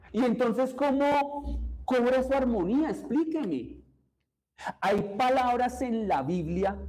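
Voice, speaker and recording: A man's voice: high-pitched, dark tone, rough recording. A man, preaching a sermon as pastor and putting questions to the congregation.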